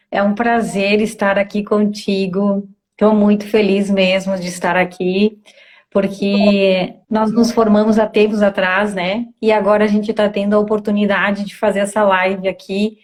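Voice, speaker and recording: A woman in her thirties, a psychologist guest, talking casually with many fillers. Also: mid-range voice. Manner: warm, hesitant, many fillers. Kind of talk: casual interview talk.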